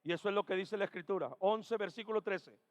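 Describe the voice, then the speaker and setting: A man preaching a Pentecostal sermon as pastor, dropping to quiet murmurs, then rising to shouted exhortations, and repeating key phrases. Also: sits high, quick pace. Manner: acts out doubting churchgoers' questions. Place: church sanctuary. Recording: reverberant church hall.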